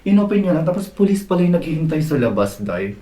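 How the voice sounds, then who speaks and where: A man with a Filipino accent, co-hosting a podcast and telling lively stories in casual chat, mixing in English. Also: fairly high pitch, fast, reverberant, a crowd in the background. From Philippines. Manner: animated storyteller, mixes Tagalog and English. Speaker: podcast co-host.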